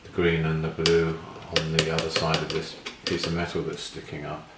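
At an indoor repair workbench, a middle-aged hobbyist demonstrates a restoration, thinking aloud in a casual, matter-of-fact tutorial. His voice is a rumbling low monotone at a moderate pace, with heavy background noise, roomy sound, and clear clatter and clicks from handling.

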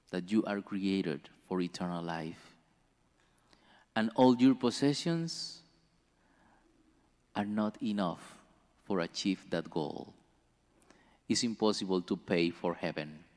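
A priest's deep, somewhat dark male voice fills a reverberant church sanctuary as he gives a gospel reading and homily. He talks slowly and deliberately, pausing with care, at a lectern fitted with a stand mic.

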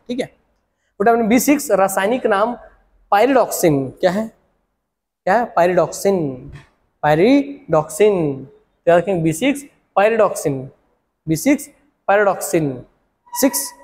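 A young man with a Chhattisgarhi accent giving an animated exam coaching lesson, repeating words and using memory tricks. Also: sits high, moderate pace, long pauses, long reverb tail. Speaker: teacher.

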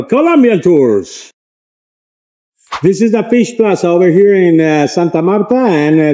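An older man hosting a walking tour vlog outdoors on city streets, filmed with a handheld camera at arm's length, pitching his tours to viewers with enthusiasm. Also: warm tone. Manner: enthusiastic salesy asides to viewers. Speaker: tour guide.

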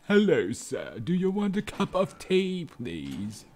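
A man putting on a mock-posh British gentleman offering tea, in an exaggerated, mocking manner. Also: on the high side, huge pitch swings, takes it slowly, faint music behind, voice pushed up, heavily acted. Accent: put-on British.

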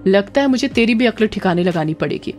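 A woman's voice: medium pitch, animated, quick pace, a little mellow, natural voice. A woman voicing Rajni, a cruel scheming older witch, mocking and menacing, over faint music. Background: faint background music.

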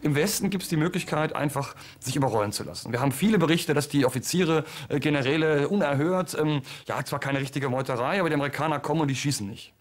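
A man's voice: on the high side, quick pace, hardly any pauses. A man in his forties, a historian in an expert interview in a studio, explaining while thinking aloud. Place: interview studio with dark backdrop.

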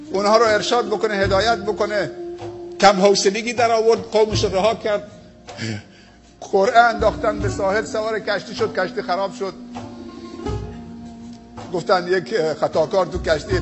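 A man preaching a sermon in Afghan Dari, telling a story with dramatic swings between loud exclamations and hushed low phrases.

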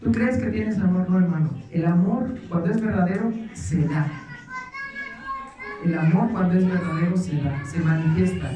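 At a church service, a pastor preaches and then leads a prayer, urging the congregation on in a repetitive prayer rhythm. His voice is medium in pitch and moderately paced, picked up off-mic from a distance in an echoey hall where the congregation and background music can be heard.

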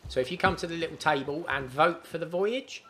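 A man's voice: fairly high pitch, brisk, sharp tone. A man hosting a casual game stream, coaxing and playful as he guides a child. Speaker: gaming channel host. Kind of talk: casual let's-play chat with a child.

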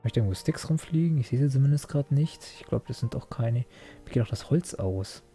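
Gravelly young man rambling over gameplay. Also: mid-range voice, expressive, brisk, dark tone, soft background music. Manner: rambling, self-mocking, frequent fillers and restarts. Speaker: Let's Play host. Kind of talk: casual gameplay commentary.

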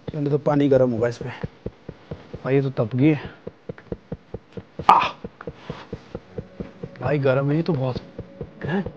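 A man chatting excitedly to camera from inside a small tent with a wood stove, slipping English words into his talk. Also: mid-range voice, takes it slowly, long pauses, dull audio, noisy background. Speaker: camping vlogger. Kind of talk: casual chat to camera.

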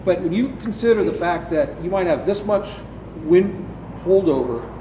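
A man's voice: high-pitched, expressive, moderate pace. Middle-aged man explaining in an echoey warehouse. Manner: explains at length, gesturing with his hands. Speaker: ammunition company founder, interview guest. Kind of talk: answering interview questions. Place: large warehouse with shelving, indoors. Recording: echoey warehouse, distant dull audio with background noise.

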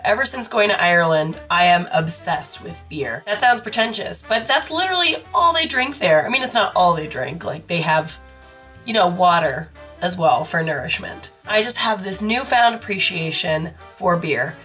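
Hoarse young female vlogger, jokey casual delivery, faint music underneath. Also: lowish voice, expressive, moderate pace, pushed and bright, far from the mic. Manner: chatty, jokey, self-teasing. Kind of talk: casual vlog chat.

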